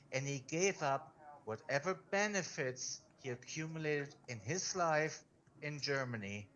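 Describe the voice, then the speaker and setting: A man's voice: medium pitch, sharp tone, slight background noise, rough recording. A man hosting a live stream chat, talking in a rambling way and stumbling over repeated words.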